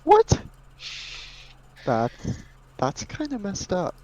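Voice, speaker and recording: A man's voice: medium pitch, sing-song, normal speed, a little mellow, rough recording. A man playing his character in a tabletop game, playful and pleading. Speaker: player. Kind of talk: tabletop role-play.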